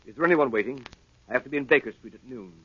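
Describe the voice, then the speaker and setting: An actor playing a busy gentleman doctor, formal, brisk and slightly impatient, in 1930s radio drama style. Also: medium pitch, husky, close to an everyday voice. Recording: muffled, hissy 1930s radio recording.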